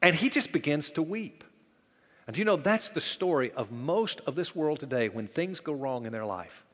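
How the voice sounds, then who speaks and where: A fairly high-voiced man preaches a sermon in a church sanctuary, swinging from loud, urgent passages to quiet, hushed ones. His voice carries a long reverb from the hall around him. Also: sing-song, normal speed. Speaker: pastor.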